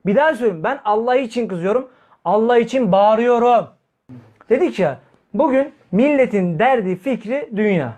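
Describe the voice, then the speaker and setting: A man's voice: sits high, animated, brisk, a little mellow. A man preaching to a congregation, blunt and heated, acting out the people in his stories. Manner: heated, blunt, acts out quoted dialogue. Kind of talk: sermon.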